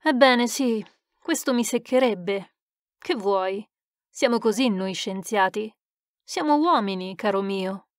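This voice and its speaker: A woman's voice: medium pitch, slow pace, dry recording, studio quality, natural voice. A woman reading the part of a skeptical male scientist who speaks in a dismissive, argumentative way. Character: man, a skeptical, brusque scientist. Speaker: audiobook reader. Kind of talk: expressive literary reading.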